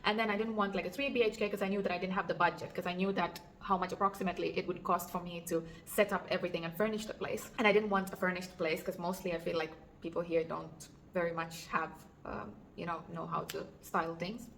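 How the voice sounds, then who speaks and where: A woman's voice: lowish voice, steady tone, quick pace, gravelly, slight background noise. Chatty Finnish-raised woman in her thirties. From Finland. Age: 30s. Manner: chatty and earnest, with fillers. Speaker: vlogger and Airbnb host. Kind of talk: casual vlog talk to camera. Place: apartment indoors.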